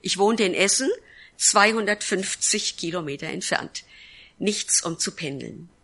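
In an earnest sermon testimony, a woman pastor tells her story and acts out the lines of the people in it. Her medium-pitched voice is expressive and fairly bright, and she speaks a little slowly.

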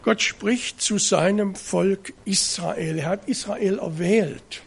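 A middle-aged man from eastern Germany preaching a sermon, reading scripture in a measured, solemn way with slow, weighty stresses. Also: sits high, vocal fry, breathy edge. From Ore Mountains, eastern Germany.

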